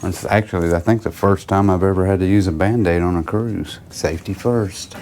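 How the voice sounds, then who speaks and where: A man's voice: deep voice, steady tone, brisk, a little mellow, a little hiss or hum. A man talking casually to camera as a cruise vlogger, with a wry, grumbling manner.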